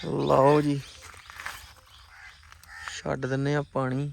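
A man's voice: mid-range voice, monotone, drawn-out words, creaky, a little mellow, a little hiss or hum. A man chatting informally as a vlogger to viewers and a companion outdoors. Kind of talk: casual village vlog chat.

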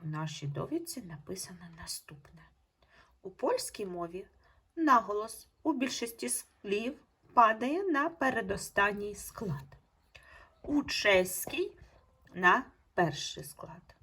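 A woman teacher giving a recorded online lesson to young pupils, speaking in slow, patient, clearly spaced instructions. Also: mid-range voice, sing-song, fairly bright tone. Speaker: primary school teacher.

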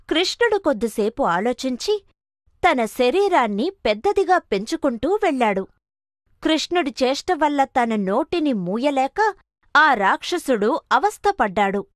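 Woman storyteller, children's cartoon, high voice, dry close recording. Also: no room sound. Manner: expressive, dramatic storytelling. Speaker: narrator. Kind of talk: scripted storytelling narration.

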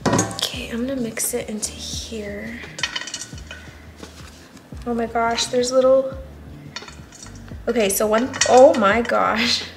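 Fairly high-pitched and set against a noisy background, a young woman's congested, nasal voice, partly lost, carries her chatty plant-vlogging as she repots at a table indoors. She's self-doubting, full of fillers, and keeps drifting into murmured asides.

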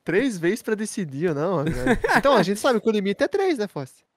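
A young man chats through a game with his co-host, joking and teasing the whole time. His pitch swings all over as he talks, excitable and quick to laugh it off. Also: no room sound, clean studio sound. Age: 20s. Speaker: gaming channel co-host. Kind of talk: casual gameplay banter.

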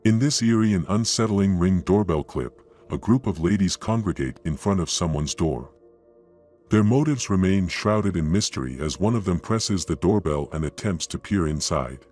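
Male narrator, deep voice, grave nature-documentary storytelling with suspense, faint music underneath. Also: lively intonation, normal speed, a little mellow. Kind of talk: dramatic scripted narration of security footage.

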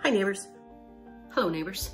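A woman's voice: mid-range voice, expressive, moderate pace. A woman hosting her own cooking channel, giving a cheery sing-song greeting in her kitchen. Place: home kitchen, indoors. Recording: roomy clips with loud music.

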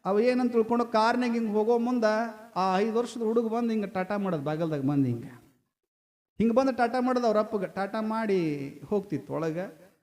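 Male village preacher, North Karnataka accent, high voice, homely storytelling that prods the audience. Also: fairly quick, darkish tone. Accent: North Karnataka Kannada. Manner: folksy, keeps asking the crowd for a response. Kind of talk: storytelling sermon to a village gathering.

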